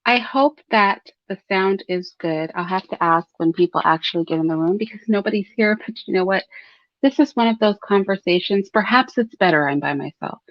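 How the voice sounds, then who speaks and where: The host of a commentary livestream, a woman with an average pitch, talks fairly quickly through her opinions in an informal solo chat, addressing listeners directly with tag questions. She clears her throat often. The recording is dry and slightly muffled, with very little room sound.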